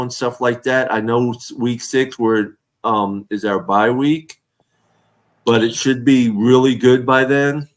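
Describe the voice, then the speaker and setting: A man hosting a casual sports fan livestream over a video call, rambling and a little slurred after a few drinks. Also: medium pitch. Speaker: podcast host.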